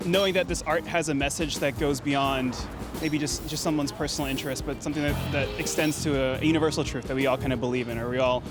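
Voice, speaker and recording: A man speaking earnestly and a little haltingly in a documentary interview. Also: mid-range voice, steady tone, music in the background.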